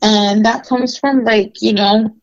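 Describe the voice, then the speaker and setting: Speaking slowly in a slightly high voice with fairly even intonation, a young adult woman from Mexico shares her life story. She's a guest in a casual interview, candid and conversational, using plenty of fillers. The audio is muffled.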